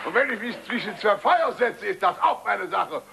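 A man's voice: high voice, sing-song, normal speed, vocal fry, heavy background noise, heavily acted. An actor playing a boastful, stubborn factory-owner father in a stage comedy, blustering and repeating himself.

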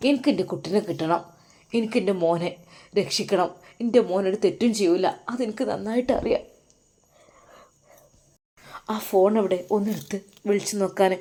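A woman's voice: mid-range voice, normal speed, long pauses, warm tone, lightly acted. A woman voicing a worried aging father in a storybook tale, pleading and praying aloud, with a Malappuram Malayalam accent. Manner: pleading, prays aloud to God. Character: worried aging father searching for his son.

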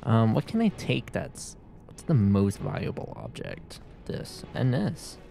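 A man's voice: on the low side, huge pitch swings, a little slow, creaky, warm tone, faint music behind. A man giving casual commentary while streaming a game, sarcastic and swearing at the game's characters.

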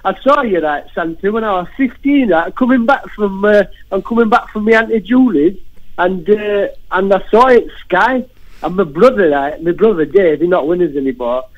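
A man's voice: high-pitched, moderate pace, dull audio, pitched above the performer's own voice, close to an everyday voice. A man voicing a rowdy, rambling Yorkshire dad who calls in to a comedy podcast and keeps saying mate. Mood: excited rambling. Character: rowdy chatty male dad caller from Bradford. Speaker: caller. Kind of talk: comedy phone-in sketch.

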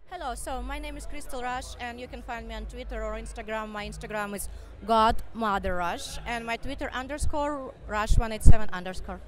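A young woman with a Russian accent, a guest in a casual street interview, speaking halting English full of fillers. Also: fairly high pitch, steady tone. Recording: loud crowd noise outdoors. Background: busy crowd.

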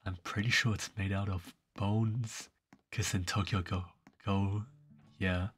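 A man's voice: deep voice, little pitch movement, slow pace, fairly bright tone, breathy edge. A young man casually commenting on game cosmetics, rambling and laid-back with lots of fillers. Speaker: gaming channel host. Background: faint background music.

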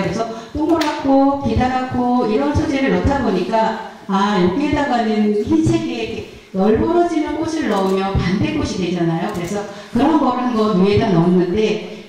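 A middle-aged flower arranging instructor, her voice on the high side and a little mellow, chats self-deprecatingly at a church seminar while explaining the arrangement she made. She uses a handheld mic heard through the speakers of a large indoor church hall, leaving her voice distant and echoey with slight background noise.

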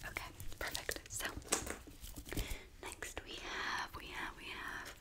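A woman whispering as an ASMR host, repeating words and short phrases over and over. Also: slow.

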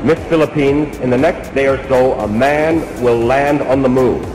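A man's voice: medium pitch, normal speed. A man formally reading out beauty pageant questions. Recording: echoey, with music behind.

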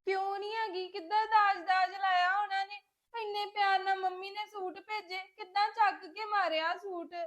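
A woman plays a tearful young bride who sounds wounded. Her voice is very high and her speech is plaintive. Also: steady tone, moderate pace, fairly bright tone. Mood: hurt. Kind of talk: amateur family drama acting.

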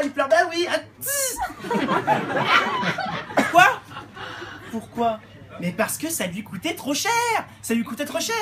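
A woman playing a loud, unhinged middle-aged mother of many kids in a live stand-up sketch, barking orders and rambling with constant fillers. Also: a little high, close to an everyday voice. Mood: brash. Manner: brash, rambling, barks orders, filler-heavy "hein". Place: comedy club stage. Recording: noisy live club recording.

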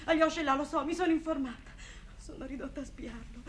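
A lovesick young woman, played by an actress in a 1950s TV drama, pleading and emotional. Her voice is high. A clear hiss runs through the old recording. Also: fast talker, natural voice. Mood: desperate. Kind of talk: 1950s television drama acting.

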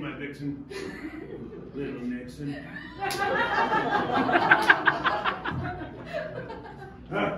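A man's voice: sits high, a bit bright, heavily acted. A man improvising a boastful older politician with a folksy drawl in a comedy sketch, performed on stage in a small basement club. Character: boastful Richard Nixon impression, older man. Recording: roomy, distant stage audio, noisy.

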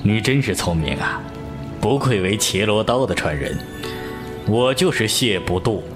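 A male actor with a lowish, expressive voice plays an urbane, seasoned, middle-aged martial-arts master in a wuxia audio drama, with music in the background. He is genial, and his speech is measured, theatrical, and avuncular.

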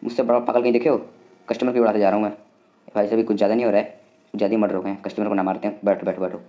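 A man with an Indian accent giving excitable, chatty commentary while playing a driving game, talking to the game and to viewers. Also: on the low side, very fast, highs cut off, slight background noise. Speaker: gaming channel host.

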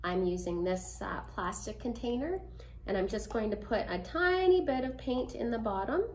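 A woman's voice: on the high side, animated, moderate pace. A woman hosting a children's craft demonstration like a kids show host, asking young viewers simple, encouraging questions. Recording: roomy echo, faint noise.

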